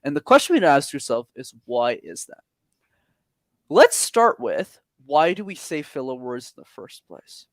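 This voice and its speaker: A male speaking coach whose first language isn't English gives advice in a webinar, speaking at normal speed with energetic emphasis. His fairly high voice swings up and down with lots of animation. The sound is dry and close, with no room in it.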